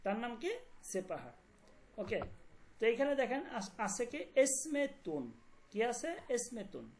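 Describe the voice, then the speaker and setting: Lady teacher, kinda high voice, repeats stuff and keeps asking if u got it. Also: very animated, a little slow, darkish tone, a little hiss or hum. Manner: repeats words and checks understanding often. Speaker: language teacher. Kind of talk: online class explanation.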